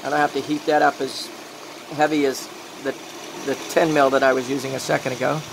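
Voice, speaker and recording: A glassworking instructor, a man with a medium-pitched, fairly quick voice and vocal fry, gives an informal hands-on demonstration. He rambles, talking himself through each step, and his articulation is slightly mushy and toothless. A loud, steady noise like a torch or engine fills the background.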